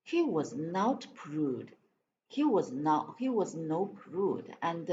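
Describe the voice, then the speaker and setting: A darkish, low-leaning female voice reads English aloud as a learner whose first language is Chinese. She keeps stumbling, repeating words as she sounds them out and speaking translations, over faintly noisy, dull lo-fi live-stream sound.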